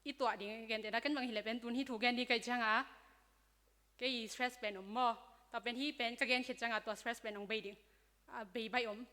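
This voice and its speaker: A woman addresses a church youth gathering, walking them through health topics in a loose, conversational way full of fillers. Her voice sits a little high and sounds bright and forceful. The sound carries the long reverb of a large hall. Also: fairly even intonation, fairly quick. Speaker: speaker at a church youth seminar. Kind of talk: informal health talk to young people.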